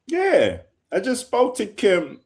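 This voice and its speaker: Man, fifties, music producer guest, relaxed storyteller, casual chat. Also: high-pitched, takes it slowly, husky. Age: 50s.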